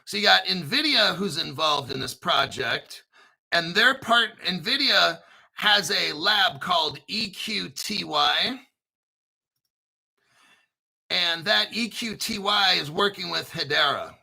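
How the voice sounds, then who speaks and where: In a low-quality recording, a man with a high voice hosts an informal crypto commentary video, going through articles slowly. He's excitable and sarcastic, swears, and keeps clearing his throat.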